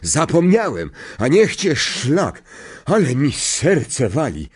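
Guy putting on a rowdy gossipy young conductor, high pitched and loud, slangy, swinging all over the place. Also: huge pitch swings, slow pace, slightly rough, heavily acted. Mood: boisterous gossip. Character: loud excitable young male bus conductor. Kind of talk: audiobook character voice.

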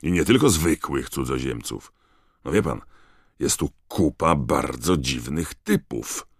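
A man's voice: extremely low pitch, expressive, a little slow, slightly rough, dry recording, clean studio sound, exaggerated voice. A man voicing a suspicious, weary middle-aged campsite owner who talks in wary, musing questions.

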